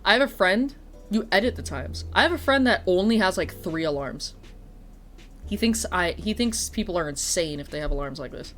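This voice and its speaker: Faint music sits behind a woman whose fairly low, fairly bright voice is animated and moderately paced. She streams and teaches, and here she chats casually on stream with a stuffy, sniffly nose, swearing and joking at her own expense.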